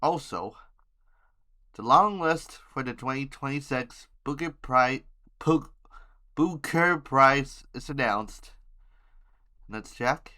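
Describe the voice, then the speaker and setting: A man runs a homemade news podcast, his middling-pitched voice bright and forceful. He reads the headlines haltingly, stumbling on names and words and tossing in informal remarks.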